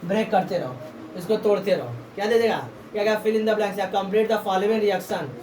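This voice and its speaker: A woman's voice: mid-range voice, moderate pace, a little mellow. A woman teaches a class, firing questions at the students and repeating each answer back to them. Her voice comes from some distance in a roomy classroom, with faint noise behind it. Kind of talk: classroom lesson. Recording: echoey room from far off, faint background noise.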